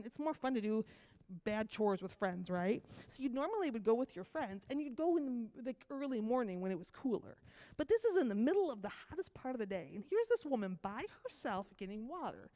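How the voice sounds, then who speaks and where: A woman with a cold giving a children's sermon, telling a story to kids with lively asides and questions. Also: fairly high pitch, moderate pace. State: has a cold. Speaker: children's message leader.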